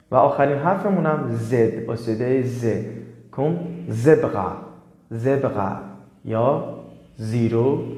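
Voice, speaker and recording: A man teaching the French alphabet in a slow, step-by-step lesson. He spells out letters and repeats each example word. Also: mid-range voice, dark tone, echoey room.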